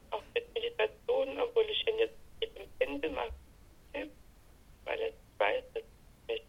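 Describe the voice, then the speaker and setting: A middle-aged woman on speakerphone, her voice choppy and muffled over a phone line, talking in a halting, hesitant way as she searches for words. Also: a little high, vocal fry, slightly rough. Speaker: caller seeking counsel. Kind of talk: personal consultation call.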